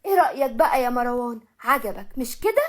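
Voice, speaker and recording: A woman voicing a brash, teasing young peasant bride with an Egyptian accent and a loud, singsong manner. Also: a little high, animated, fast talker. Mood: playful.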